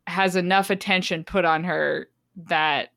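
Woman host, lowish voice, dry close sound, giggles thru her sentences, chill book chat. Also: steady tone, a little slow, vocal fry, a bit bright, no echo. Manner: chatty, laughs often mid-sentence. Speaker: podcast host. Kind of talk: casual book-club chat.

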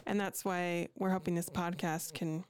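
A woman's voice: fairly low pitch, fairly even intonation, normal speed. A woman co-hosting a parenting podcast, affirming her partner and asking practical follow-up questions. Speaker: podcast co-host. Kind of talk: casual chat.

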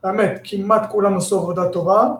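Man, guest sports journalist, high voice, halting with restarts, roomy echo. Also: fairly even intonation, a bit bright, a little hiss or hum. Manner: halting, restarts words while giving opinions. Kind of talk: casual sports podcast chat. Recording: echoey roomy sound.

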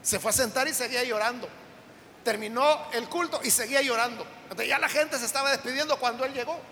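A male preacher with a very high, bright voice tells a story from the pulpit and turns to the congregation with questions. His sermon echoes through a long church hall, and a faint rumble sits behind it. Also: fast talker.

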